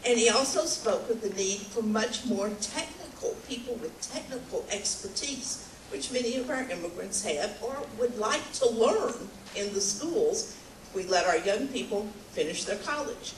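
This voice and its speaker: A woman's voice: a little high, lively intonation, normal speed. Earnest woman speaking in an echoey hall. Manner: earnest and persuasive. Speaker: speaker at a rally. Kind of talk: speech to a crowd. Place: large church hall. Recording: echoey room, distant mic, faint ambient noise.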